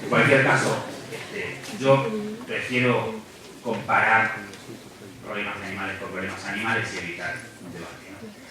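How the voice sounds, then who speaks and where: A man from Argentina gives a public lecture in a large university lecture hall, speaking earnestly and reflectively while often restarting his phrases. His lowish voice is off-mic and far away, and the hall is very echoey with a noisy background.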